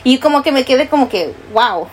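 A Peruvian woman with a Peruvian Spanish accent and a slightly high voice tells stories in a casual podcast chat. She acts out what people said and laughs easily. Faint hiss sits under her voice. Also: brisk. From Peru. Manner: animated storyteller, acts out quotes, laughs often. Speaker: podcast co-host.

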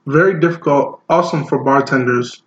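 A man's voice: mid-range voice, brisk, echoey room, highs cut off. A man co-hosting a podcast, chatting casually with joking, eager interjections. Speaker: podcast co-host. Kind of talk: casual chat.

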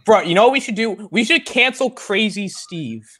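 A young co-host on a casual pop-culture podcast, slangy and animated, who laughs often. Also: medium pitch, moderate pace. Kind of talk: casual chat.

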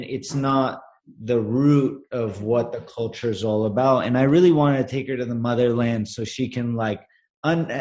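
A brand co-founder from Los Angeles, appearing as a guest, speaks earnestly and reflectively about nature and spirituality in a casual conversation. His mid-range voice is a little mellow.

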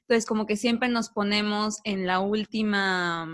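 A woman's voice: medium pitch, fairly even intonation, unhurried, fairly bright tone. Reflective woman co-hosting. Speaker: podcast co-host. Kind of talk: casual chat.

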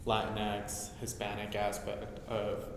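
A man's voice: on the low side, completely flat delivery, slow, gravelly. Heavily echoing, slangy, sweary man. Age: 30s. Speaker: podcast co-host. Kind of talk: casual chat. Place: echoey hard-walled room. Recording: cavernous echo, long reverb, faint noise.

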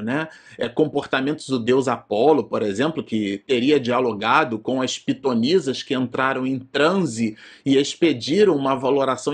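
A man's voice: medium pitch, a bit bright, slightly rough. A man with a Brazilian Portuguese accent teaching an informal study lecture, digressing often and tagging his sentences with fillers. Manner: digressive, frequent filler tags and restarts. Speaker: presenter of a spiritist study program.

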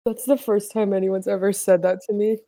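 A woman co-hosting a comedy podcast, playful and quick to laugh. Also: medium pitch, flat delivery, warm tone, dry recording. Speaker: podcast co-host. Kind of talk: casual comedy podcast chat.

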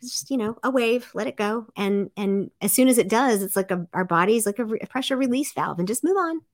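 A middle-aged woman speaking earnestly as a podcast guest, acting out quotes in a lively way. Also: fairly quick, no echo, clean studio sound. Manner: earnest, animated, acts out quotes with big pitch jumps. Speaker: podcast guest, life coach. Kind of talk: casual interview chat.

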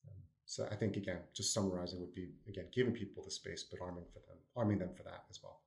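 Podcast guest, New Jersey man, thoughtful and easygoing, deep voice. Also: fairly even intonation, fast talker, gravelly. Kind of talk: casual discussion. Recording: roomy echo.

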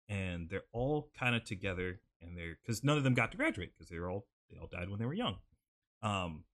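A man's voice: fairly low pitch, fairly bright tone. Young guy rambling through a story on a podcast, lots of likes, mic kinda pointed away from him. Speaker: podcast host. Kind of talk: casual chat. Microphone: studio mic, off-axis.

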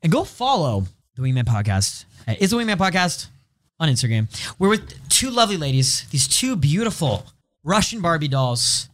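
A man's voice: a little high, sing-song, moderate pace, a bit bright, no room sound, studio quality. A man hosting a podcast in casual banter, brash and joking with his guests, swearing freely. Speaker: podcast host.

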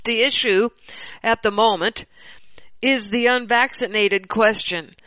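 Woman reading an article out loud, slow and careful, a bit high, dull dry lo-fi sound. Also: no room sound. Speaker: host reading an article aloud. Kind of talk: reading an opinion article aloud. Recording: dull, slightly lo-fi dry recording.

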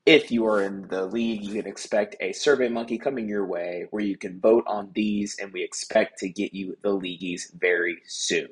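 A man hosting a podcast, recording a casual intro in his office, with a hollow, echoing sound as if he were speaking from inside a tunnel. He talks in an upbeat, joking way with quick asides. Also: fairly low pitch. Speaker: podcast host.

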